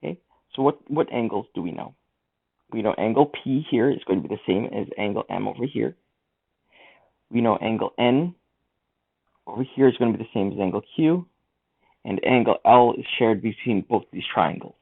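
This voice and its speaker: A man's voice: on the low side, moderate pace, vocal fry, pauses often, breathy edge. A man teaching a math lesson, talking through each step of the working aloud. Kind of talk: screen-recorded lesson walkthrough. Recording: tinny lo-fi mic.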